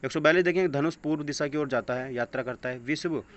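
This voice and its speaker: A man with a fairly high-pitched voice moves at a quick pace as he teaches a test-prep lesson, reading questions and answers aloud. His instructional style mixes in English phrases, and the audio is dull and lo-fi with clear background noise.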